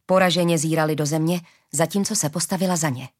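A woman giving steady audiobook narration of a fantasy story. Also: sits low.

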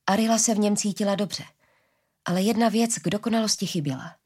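A woman narrating a fantasy story as an audiobook in a calm, steady way. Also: mid-range voice, husky.

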